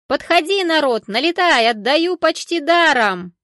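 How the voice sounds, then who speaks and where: Woman voicing a shrill shouting market vendor. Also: animated, a little slow, dry recording, studio quality. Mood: hawking loudly. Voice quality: piercing, shrill and high. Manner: hollering sales cries. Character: loud brash female market vendor hawking herbs. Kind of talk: audiobook character voice.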